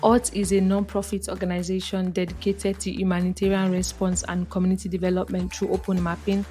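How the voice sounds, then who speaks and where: Podcast host, woman, friendly interviewer, soft music under her. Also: on the low side. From Africa.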